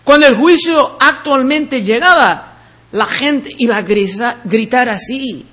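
A man teaching the Bible verse by verse. He reads each passage aloud and then explains it in a deliberate way. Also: extremely high pitch, pushed and bright.

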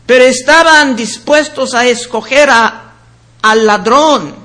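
A man's voice: very high voice, takes it slowly, sharp tone. A man preaching a sermon in earnest, calling his listeners brothers and sisters and reading scripture verses aloud with their references.

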